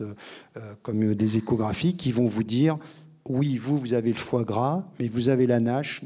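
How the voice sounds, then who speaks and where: Mellow and medium in pitch, a man who is a doctor and author gives explanations during an interview. He sounds didactic and hesitates often, with many fillers and restarts.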